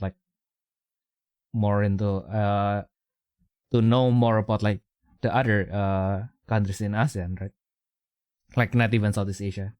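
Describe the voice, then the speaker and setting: A man's voice: on the low side, a little mellow, smooth, no echo, studio quality. A young man with an Indonesian accent chatting casually as a podcast co-host, rambling through fillers and restarts. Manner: rambling, many fillers and restarts, chuckles often.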